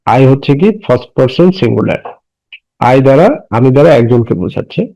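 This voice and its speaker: A man teaching an English grammar lesson, explaining slowly and asking and answering his own questions. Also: mid-range voice, gravelly, mellow, rough recording.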